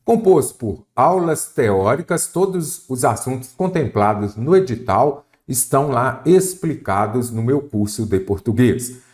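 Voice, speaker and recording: A man's voice: mid-range voice, expressive, measured pace, few pauses, darkish tone. A man with a Brazilian accent teaching an exam-prep Portuguese grammar lesson, stressing syllables and asking the viewer questions.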